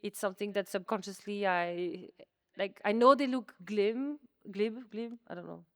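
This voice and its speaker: A French-native woman, an artist being interviewed in a museum exhibition space, gives a casual, self-deprecating talk full of hedging "likes." Her medium-pitched voice moves at a normal speed with a fairly bright tone. The studio-quality recording has no room sound.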